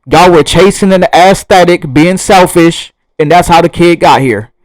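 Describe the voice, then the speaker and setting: A young man with a Southern US drawl delivers a blunt, swear-laden monologue straight to camera. His voice sits a little higher than most men's. He rambles and restarts, and the sound is close and dry, with no room echo. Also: moderate pace. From Southern United States. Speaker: vlogger.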